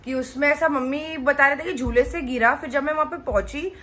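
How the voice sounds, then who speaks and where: A woman, a mother on a home vlog, who talks in a soft, halting and hesitant way. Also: high voice. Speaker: vlogger co-host, mother. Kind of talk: casual conversation on a vlog.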